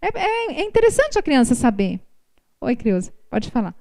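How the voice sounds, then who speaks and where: Brazilian woman speaker, high and lively, preaching through anecdotes at a prayer meeting. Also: moderate pace. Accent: Brazilian Portuguese. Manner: animated storytelling, tag questions after every point. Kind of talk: religious talk with storytelling. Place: prayer group meeting room. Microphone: microphone recorded for an online stream.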